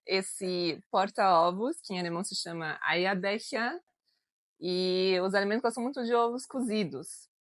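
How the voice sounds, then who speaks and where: A woman's voice: mid-range voice, a little slow, dry recording. A woman who grew up in Germany with German as her native language, chatting casually as a teacher co-hosting an educational channel. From grew up in Germany, living in Brazil.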